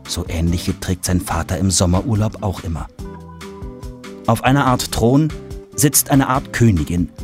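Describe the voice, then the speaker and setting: A man narrating a children's audiobook in an expressive storytelling manner. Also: deep voice.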